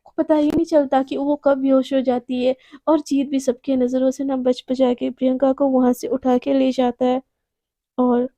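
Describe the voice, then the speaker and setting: A woman tells a story casually and with energy, often stumbling and restarting. Her voice is high and mellow. The sound is dry and close, with no room around it. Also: moderate pace, no room sound. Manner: animated, with frequent restarts.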